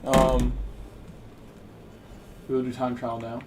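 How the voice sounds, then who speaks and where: A man chatting casually on a live stream, rambling and relaxed while he snacks and races. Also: medium pitch, drawn-out words, a little hiss or hum, rough recording. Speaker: sim racing streamer. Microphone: headset.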